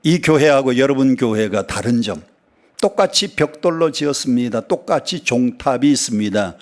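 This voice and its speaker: Animated Korean pastor preaching. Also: male voice, normal speed. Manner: lively storytelling with sudden high exclamations and dialect jokes. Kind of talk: sermon. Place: church sanctuary.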